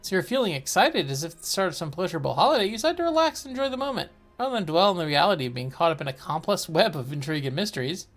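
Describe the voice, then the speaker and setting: A lively co-host narrates a horror game aloud, with a pitch that swings widely. The reading keeps stopping for wry, joking asides to a co-player, at a middling pitch. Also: very fast, hardly any pauses, soft background music.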